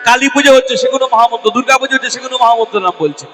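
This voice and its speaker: A man's voice: extremely high pitch, rapid-fire, fairly bright tone, long reverb tail. A man preaching at a devotional gathering as a kirtan singer, asking the listeners questions and answering them himself. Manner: asks the audience rhetorical questions and answers them; addresses the women listeners directly. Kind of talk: devotional sermon with call-and-response chanting. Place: devotional gathering before a live audience.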